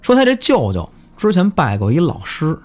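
A man telling village ghost stories in casual chat, animated and swearing in surprise. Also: a little high, moderate pace. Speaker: guest storyteller. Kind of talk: casual spooky storytelling.

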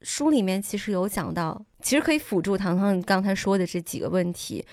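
A woman speaks in a measured, thoughtful way over a close, dry mic. She co-hosts a casual conversation and often murmurs agreement while the other person talks. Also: medium pitch, darkish tone, no echo. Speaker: podcast co-host. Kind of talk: casual chat.

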